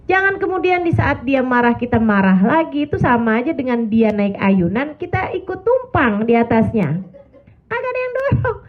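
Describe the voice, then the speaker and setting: A middle-aged woman preaching to women in a chatty, lively storytelling way, acting out the people she quotes. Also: on the high side. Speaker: Islamic preacher. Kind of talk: religious talk to women. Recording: tinny phone-like recording.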